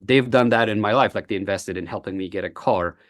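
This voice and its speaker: An Egyptian entrepreneur, a guest on a podcast interview, speaks earnestly and reflectively, often saying "uh". His voice is lowish and fairly quick, and the recording is dry with clean studio sound.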